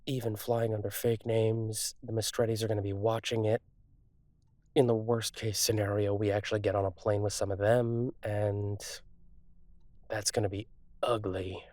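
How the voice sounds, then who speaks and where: A man playing a streetwise, wry car thief on the run in a conversational audio role-play, talking casually with thoughtful pauses. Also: lowish voice, flat delivery, a little mellow, dry recording, close to an everyday voice. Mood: resolved.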